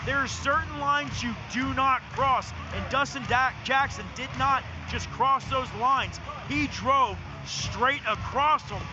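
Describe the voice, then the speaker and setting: A man calling live wrestling as play-by-play commentator in an excitable, emphatic way. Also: extremely high pitch, takes it slowly, few pauses, background noise. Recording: dull lo-fi broadcast with loud music.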